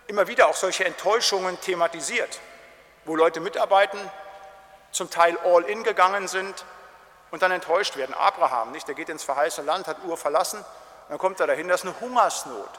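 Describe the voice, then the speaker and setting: A man preaching a sermon in a lively, colloquial storytelling way, acting out quotes. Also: high voice. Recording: hall reverb.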